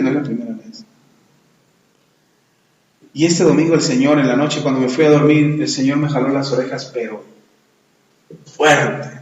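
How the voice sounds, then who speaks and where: A middle-aged man, preaching a sermon in an earnest, animated way, often with rhetorical questions. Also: medium pitch, highs cut off. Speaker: pastor. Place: church. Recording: very echoey church room.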